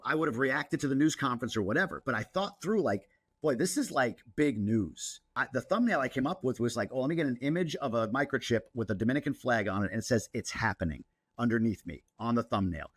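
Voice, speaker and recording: A man, a content creator guest, talking in a casual interview with an excitable, animated manner. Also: medium pitch, husky, no echo.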